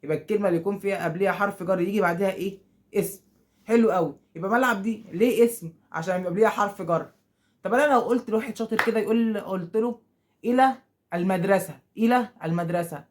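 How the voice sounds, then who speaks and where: In a high, racing voice, a man with an Egyptian Arabic accent runs a grammar lesson for pupils. Questions come constantly, and he answers each himself while also performing the objections his students would make.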